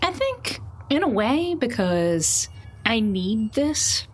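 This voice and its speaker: During a tabletop roleplaying session, a woman speaks slowly in a fairly high voice with big swings in pitch. Her improvised in-character banter is relaxed and playful, full of chuckles, over faint background noise.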